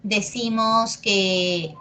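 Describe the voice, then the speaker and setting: A woman with a Peruvian accent gives a lesson at an unhurried pace. She is patient and repeats key words slowly for emphasis. She often stops to check that her listeners follow. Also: medium pitch, fairly even intonation, pushed and bright. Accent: Peruvian Spanish. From Peru. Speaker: pre-university Spanish teacher. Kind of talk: classroom lesson on accent marks.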